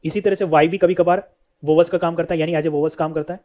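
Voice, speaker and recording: A man teaches an English lesson at a steady pace, asking a question and then answering it himself. His voice sits fairly high and sounds mellow and soft-edged. The recording is dull and lo-fi. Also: fast talker.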